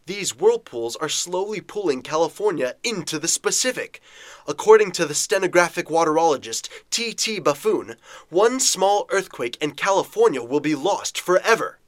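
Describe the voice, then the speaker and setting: A man voicing an alarmed male radio news announcer in a brassy patter. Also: high voice.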